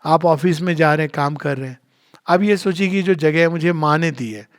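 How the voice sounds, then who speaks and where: A man's voice: on the high side, normal speed. A middle-aged man giving a spiritual talk, answering questions and telling stories in an earnest, explanatory way while switching between Hindi and English.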